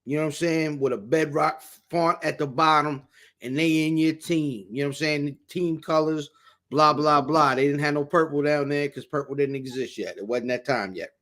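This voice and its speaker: A man's voice: on the high side, fairly even intonation, normal speed, fairly bright tone. A man co-hosting a podcast, telling loose, slangy stories in casual chat. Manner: laid-back storyteller, slangy, repeats "you know what I'm saying". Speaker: podcast co-host.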